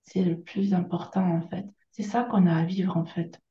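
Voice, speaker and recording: A woman from France with a southern French accent, speaking gently and haltingly as a guest on a video-call interview, with many pauses and fillers. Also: fairly low pitch, steady tone, roomy sound, dull audio. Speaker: guest workshop leader. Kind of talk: hesitant conversational interview.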